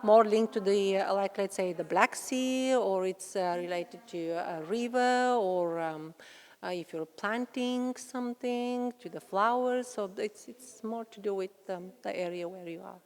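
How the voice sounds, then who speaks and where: A woman speaks in a long, echoing hall. Her answers are friendly but halting, full of ums and uhs, and her pitch sits at a medium level. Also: a little mellow. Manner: hesitant, many fillers, friendly. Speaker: interviewee, mother and dancer. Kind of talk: casual interview answers.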